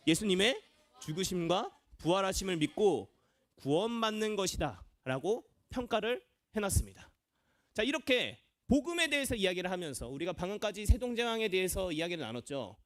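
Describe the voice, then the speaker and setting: A man's voice: high voice, very animated, normal speed, dry recording, studio quality. A young man, a junior pastor, preaching a children's sermon in a church classroom, quizzing the kids and acting out voices. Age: young adult.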